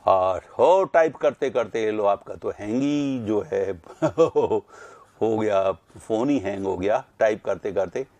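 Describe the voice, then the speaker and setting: A man's voice: on the low side, animated, slow pace, mellow. A man teaching a live online exam-prep class, reading out students' names and drilling pronunciation aloud.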